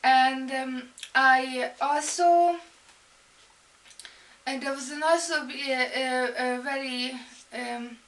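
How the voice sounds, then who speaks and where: A woman's voice: sits high, steady tone, takes it slowly, long pauses, fairly bright tone, reverberant, recorded from a distance. A woman from Hungary, speaking English with a Hungarian accent, introducing herself as an art and fashion student, with many ums and restarts. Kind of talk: personal introduction video.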